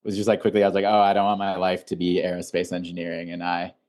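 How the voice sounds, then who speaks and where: A young man from Illinois, a founder being interviewed, talking in a relaxed, rambling way full of "like" fillers. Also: deep voice, fast. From Illinois, USA. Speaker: founder and guest. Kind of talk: casual interview.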